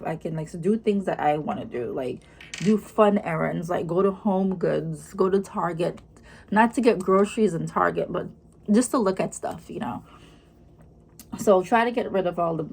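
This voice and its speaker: A woman with a Jamaican accent chatting casually in a vlog, explaining things as she goes in an unhurried, conversational way. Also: lowish voice, a little mellow. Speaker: vlogger. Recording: clearly noisy room ambience.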